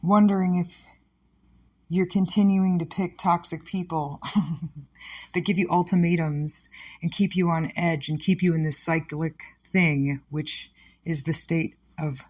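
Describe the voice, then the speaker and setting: A woman's voice: fairly low pitch, darkish tone. A woman hosting a personal podcast, talking frankly and reflectively about her own life and questioning herself. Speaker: podcast host. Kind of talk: candid personal podcast monologue.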